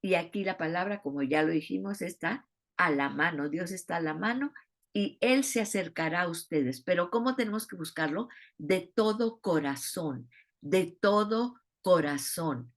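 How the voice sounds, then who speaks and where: A woman teaching a Bible study in an expressive way, often asking her listeners rhetorical questions. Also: lowish voice, normal speed.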